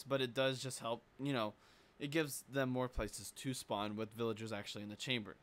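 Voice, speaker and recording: A young man who makes gaming tutorials talks casually through building a game, rambling with plenty of fillers and restarts. His medium-pitched voice sounds pushed and bright, and he has a sore throat.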